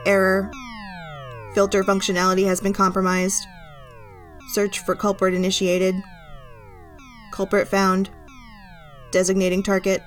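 A woman voicing a malfunctioning female robot cleaning device that glitches and reads out error alerts in a flat, announcement-like machine voice. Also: mid-range voice, a little hiss or hum, close to an everyday voice. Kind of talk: adult audio roleplay.

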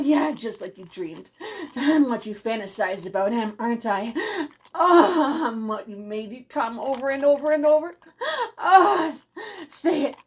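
A woman voicing a teasing, domineering superpowered stepmother in an intimate audio roleplay, with a slow, sultry delivery. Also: medium pitch, darkish tone, slightly rough.

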